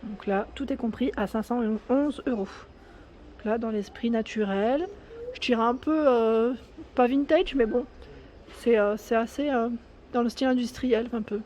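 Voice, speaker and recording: A shopping vlogger with a French accent strolls through a big indoor home improvement store, enthusiastically reading out prices and sizes in a casual walkthrough. Her voice sits on the high side, warm and at a moderate pace, with a slight hiss or hum in the background.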